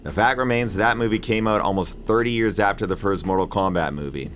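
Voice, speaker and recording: Narrating a casual video essay over music, a male channel host in his thirties speaks a little fast in a lowish, fairly bright voice, with slight background noise. He comes across as irreverent and opinionated, using slang and profanity.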